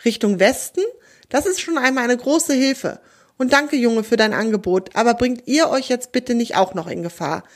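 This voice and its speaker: A woman's voice: fairly high pitch, lively intonation, moderate pace. A woman voicing an anxious father in a children's storybook, urgent and worried. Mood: grateful. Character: panicked adult father searching for his child.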